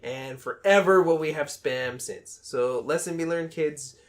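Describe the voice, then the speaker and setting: A man's voice: a little high, unhurried. A man in his thirties with a Boston accent, co-hosting a casual gaming podcast with a joking, rambling manner. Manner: joking, rambling, self-deprecating. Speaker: podcast co-host. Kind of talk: casual chat.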